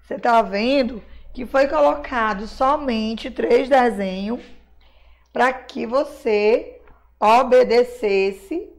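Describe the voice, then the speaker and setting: A woman from Brazil's teaching a class of young children, patiently spelling words out syllable by syllable and calling herself auntie. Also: on the high side. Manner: slow, drawn-out syllable-by-syllable spelling; patient, uses diminutives, refers to herself as auntie. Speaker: primary school teacher.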